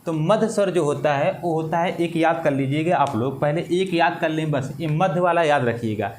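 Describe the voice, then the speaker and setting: A man teaching an exam-prep lesson, slow and repetitive, drawing out vowel sounds. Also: fairly high pitch, a little hiss or hum.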